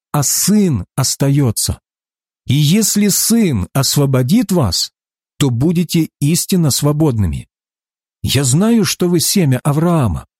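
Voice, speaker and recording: A man reading the words of a calm, earnest male teacher in a solemn, emphatic way. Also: fairly high pitch, no echo, studio quality.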